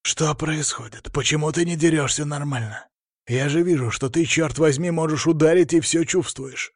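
Man voicing a loud hot-tempered boxing coach. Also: fairly high pitch, normal speed, no room sound, clean studio sound, pitched above the performer's own voice, lightly acted. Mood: urgent scolding. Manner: shouting, pushy, exasperated.

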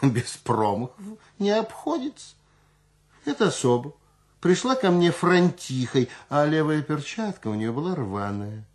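A man voicing a shrewd, unflappable old woman fortune-teller in a high, sing-song way. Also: very animated, unhurried. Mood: nonchalant.

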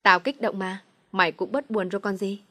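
A woman reading a storybook, voicing a blunt, excitable young woman who comforts her friend. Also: medium pitch, a little fast, dry recording, natural voice. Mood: excited. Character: young woman, brash, emotional loyal friend.

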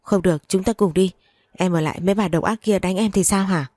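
A woman's voice: lowish voice, a little fast, a little mellow, no room sound, studio quality, lightly acted. A woman voicing a worried, protective husband speaking urgently.

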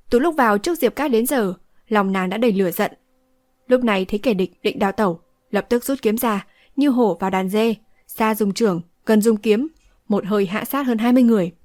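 A woman narrating a martial arts novel in a steady storytelling reading, with a dry close recording. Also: medium pitch, dry recording. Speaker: audiobook narrator.

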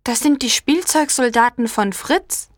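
A young girl in a storybook reading, small and easily frightened, with a high, clear voice, played by a woman. The recording is dry and close. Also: unhurried, no echo. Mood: hopeful. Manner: anxious, wondering.

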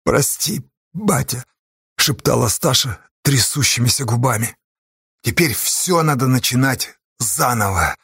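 A man narrating an audiobook in a measured, dramatic storytelling manner. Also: mid-range voice, fairly bright tone, breathy edge, no echo, studio quality.

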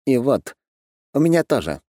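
A man's voice: medium pitch, sing-song, normal speed, mellow, dry recording, clean studio sound, voice pushed up, natural voice. A man reading an audiobook, voicing a self-important young man who is boastful and secretive. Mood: smug.

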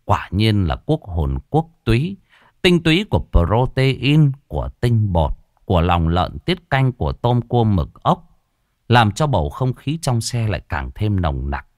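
Guy telling a funny ghost story, lively up-and-down voice, dry sound. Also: fairly low pitch, a little slow, no room sound. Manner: expressive, mocking. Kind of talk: comic ghost story narration.

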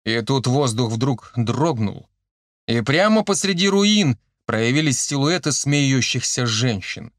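A man narrating an audiobook in an expressive, lively way. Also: mid-range voice, slow, no room sound, studio quality.

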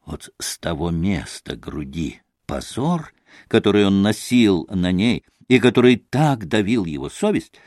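A man narrating a classic novel audiobook in a dramatic, highly expressive way. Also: measured pace, dry recording, clean studio sound. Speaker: audiobook reader.

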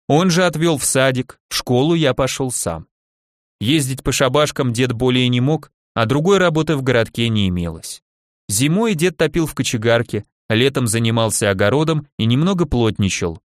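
Guy reading an audiobook, animated pitch, measured pace, dry close studio mic. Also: no room sound. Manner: expressive, measured storytelling. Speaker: audiobook reader. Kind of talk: scripted narration.

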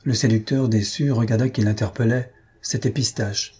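A man reading a classic novel aloud as narrator, measured and steady. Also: medium pitch, slightly rough. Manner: measured storytelling. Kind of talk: audiobook reading.

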